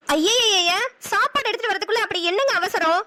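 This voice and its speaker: A woman with a Namakkal Tamil accent voicing a sharp-tongued, impatient young wife in a cartoon. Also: extremely high pitch, animated, fairly quick, full character voice. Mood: irritated. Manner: snappy, dismissive.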